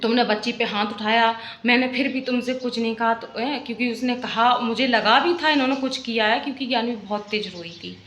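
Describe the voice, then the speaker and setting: A woman's voice: a little high, fairly quick, hardly any pauses, fairly bright tone. Young woman ranting on her vlog, keeps going on and on, roomy echo, bit of background hum. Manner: aggrieved, rambling, tag questions. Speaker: vlogger, mother. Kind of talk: casual venting vlog. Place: rented room at home. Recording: echoey room, faint background noise.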